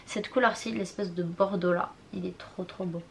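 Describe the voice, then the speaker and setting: A woman's voice: on the low side, fairly even intonation, normal speed, gravelly. Young woman vlogger, casual and chatty, stumbles over names, faint hiss. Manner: chatty, hesitant over product names, apologetic about pronunciation. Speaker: beauty vlogger. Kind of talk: casual makeup collection show-and-tell. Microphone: compact camera mic.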